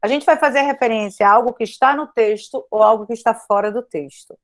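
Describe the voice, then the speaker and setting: A woman's voice: fairly high pitch, brisk. A woman writing teacher giving an online grammar lesson. She speaks emphatically, repeats her points, stretches stressed words, and talks straight to her students.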